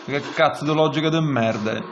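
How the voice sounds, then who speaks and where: A man's voice: on the high side, a little fast, lo-fi sound, noisy background. A man from Puglia with a Southern Italian Pugliese accent, giving casual, crude, mock-exasperated comic commentary in dialect. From Puglia, southern Italy. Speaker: comic commentator reacting to a TV episode. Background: TV episode dialogue and music.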